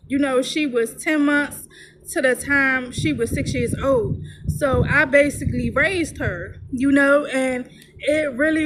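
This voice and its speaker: A woman in her thirties with a high voice tells a personal story in a candid, chatty way, with plenty of "you know" fillers. She records inside a vehicle, and a steady rumble of noise sits clearly under her voice. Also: rough recording. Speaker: vlogger.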